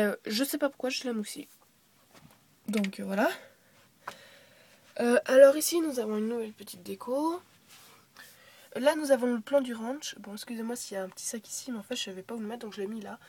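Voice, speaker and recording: A young girl walks through her toy ranch in a casual show-and-tell. Her voice sits a little high and breathy. She stumbles over names, corrects herself often and drops into whispered asides. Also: mellow, dry recording. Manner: hesitant, many fillers and self-corrections. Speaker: toy collector showing a model ranch.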